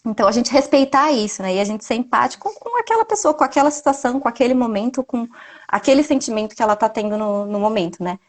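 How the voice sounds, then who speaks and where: A woman's voice: fairly high pitch, lively intonation, quick pace. A mother talking reflectively in a casual live video chat, often ending her points with a tag question.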